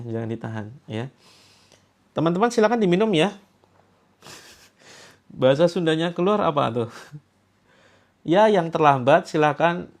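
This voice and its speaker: Man leading a healing session. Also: a little high. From Java, Indonesia. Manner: instructive and joking, with sudden loud commands. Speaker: spiritual healing coach.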